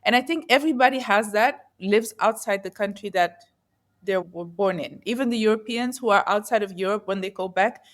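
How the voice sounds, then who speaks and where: A woman with a medium-pitched voice talks briskly as an interview guest; she's an entrepreneur who grew up in the Netherlands. Reflective and sincere, she often searches for words.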